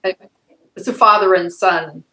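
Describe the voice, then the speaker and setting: An older woman with a somewhat low voice talks through her memories in a session. She rambles and hesitates, often breaking into laughter. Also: steady tone, takes it slowly, pushed and bright, low-quality recording. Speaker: client in a healing session.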